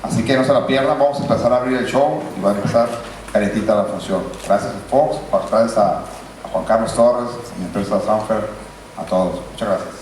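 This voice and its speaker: A man from Mexico with a Mexican accent, a boxer making unscripted, slightly halting remarks at a press conference. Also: lowish voice, darkish tone. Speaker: professional boxer. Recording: echoey hall from far off, faint noise.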